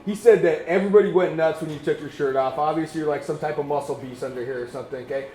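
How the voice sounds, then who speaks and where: A man's voice: a little high, fast talker, a little mellow. A man hosting an upbeat pre-fight MMA interview in a slangy, teasing, chummy way. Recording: echoey room.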